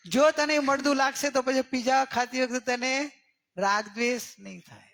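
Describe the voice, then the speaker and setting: Man, spiritual teacher, religious discourse, very high voice, coaxing questions, slow stretched emphasis. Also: steady tone, bright, forceful tone. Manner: questioning, coaxing listeners with repeated checks; drawls out key words slowly for emphasis.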